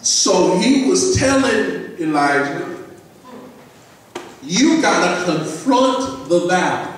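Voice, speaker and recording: High-voiced preacher in an echoey sanctuary. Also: male voice, sing-song, slow. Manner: call-and-response preaching, repeats phrases for emphasis. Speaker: pastor. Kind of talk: sermon. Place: large church sanctuary. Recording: echoey sanctuary, mic from far off.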